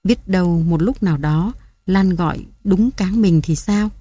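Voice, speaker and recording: A woman narrating a story in a calm, steady reading voice. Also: lowish voice, unhurried, slightly rough, no room sound, studio quality.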